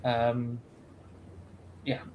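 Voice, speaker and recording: A man acting as game master, describing scenes in a tabletop game slowly with frequent ums and uhs. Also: medium pitch, completely flat delivery, highs cut off, slight background noise. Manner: slow, halting with ums and uhs.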